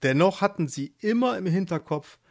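A narrator reading a fairy tale aloud with measured expression. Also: mid-range voice, expressive. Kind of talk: storybook reading.

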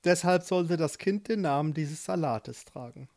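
A woman's voice: low-pitched, measured pace, warm tone. Grieving mother, pleading and heartfelt; woman reads her.

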